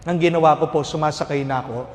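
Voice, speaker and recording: A priest with a Filipino accent preaching at a recollection, telling a humorous story full of rhetorical questions. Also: male voice, a little high, steady tone, quick pace, slight background noise. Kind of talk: sermon at a recollection. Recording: hall reverb with faint music.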